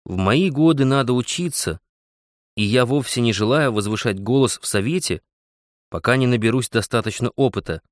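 A man's voice: mid-range voice, moderate pace, no echo, lightly acted. A man voicing an earnest, modest young frontiersman who speaks seriously and politely in an audiobook.

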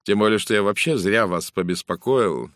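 A man's voice: lowish voice, normal speed, a bit bright, dry recording, clean studio sound, pitched above the performer's own voice, natural voice. Man playing an anxious, apologetic young actor. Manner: hesitant, apologetic, with filler sounds. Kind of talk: audiobook character voice.

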